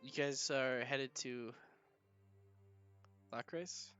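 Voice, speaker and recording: A man's voice: mid-range voice, drawn-out words, sharp tone, clear, resonant tone, lo-fi sound, faint music behind. A man running a tabletop game as game master, chatty and laughing often between filler words.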